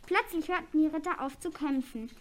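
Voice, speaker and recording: A woman reading a children's story aloud in a plain, even way. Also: sits high, fairly quick.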